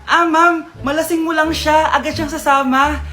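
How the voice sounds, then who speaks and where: A woman's voice: high voice, steady tone, normal speed, sharp tone. A woman acting out several roles in a playful comedy skit. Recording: music playing behind.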